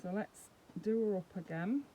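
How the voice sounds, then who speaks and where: Brief: woman, doll-collector vlogger, mid pitch, chatty step-by-step demo, faint background hiss. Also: moderate pace, warm tone, poor audio. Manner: chatty, explains step by step while handling the doll. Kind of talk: casual unboxing demonstration.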